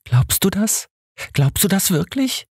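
A man's voice: high voice, big pitch swings, a little slow, a little mellow, slightly rough, dry recording, studio quality, voice pushed up, exaggerated voice. A man voicing an agitated, defiant young woman in an audiobook.

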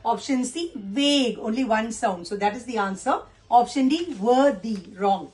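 A woman's voice: on the high side, expressive, normal speed, a little mellow. A woman teacher, going through exam answers step by step and posing questions to her students. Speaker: English teacher. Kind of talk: exam answer-key lesson.

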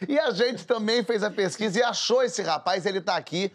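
Male host, high voice, laughs easily, brief reactions. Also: a little fast, a crowd in the background. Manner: reacts with laughter and short interjections. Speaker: talk show host. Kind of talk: casual talk-show chat.

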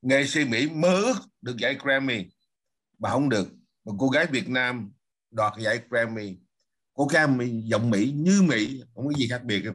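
A man's voice: medium pitch, normal speed, a bit bright. A man hosting a casual political talk, emphatic and asking himself questions he then answers. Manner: emphatic, asks and answers his own questions.

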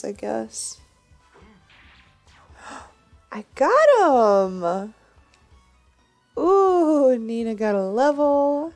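Animated woman streamer over soft game music. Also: fairly high pitch. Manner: playful and animated, with gasps, swearing and silly asides. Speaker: gaming streamer. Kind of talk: casual gameplay commentary.

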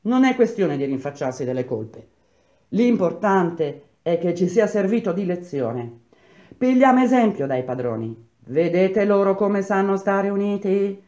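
A man's voice: high voice, lively intonation, a little slow, mellow, roomy sound, muffled recording. A man voicing a firm, rallying union man. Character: male union organizer, calm but firm.

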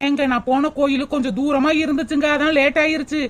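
A woman's voice: high voice, fairly even intonation, quick pace, close to an everyday voice. A woman voicing a sly young daughter-in-law in a cartoon, talking sweetly and respectfully. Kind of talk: cartoon voice acting.

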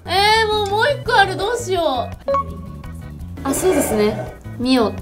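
A twenty-year-old woman chatting casually to camera as a vlog host, in a youthful, expressive, exclamatory and slangy way. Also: very high voice, normal speed. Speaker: video host. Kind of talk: casual vlog chat to camera while taste-testing. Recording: background music behind the voice. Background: music.

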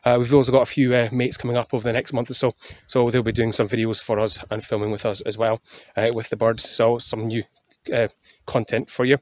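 A man's voice: mid-range voice, level tone, fairly quick. Out-of-breath man on a hill walk. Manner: rambling, many filler "uh"s. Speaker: falconer, channel host. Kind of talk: off-the-cuff vlog chat. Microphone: phone camera.

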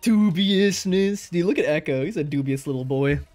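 A man's voice: fairly high pitch, quick pace, a little mellow, faint music behind. A young man hosting a casual gaming voice chat, jumpy, laughing often, with frequent startled exclamations. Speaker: gaming channel host.

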